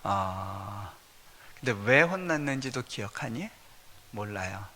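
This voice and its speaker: Telling personal stories in a relaxed sermon, a missionary preacher speaks slowly and expressively in a fairly low, bright, forceful voice, chuckling between points. The revival takes place in a church sanctuary, recorded with long hall reverb and a little hiss or hum.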